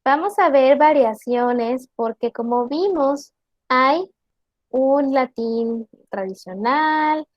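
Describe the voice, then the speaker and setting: A woman teacher giving an online class, explaining slowly and deliberately and asking her students questions. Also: high voice, expressive, dry recording, muffled recording.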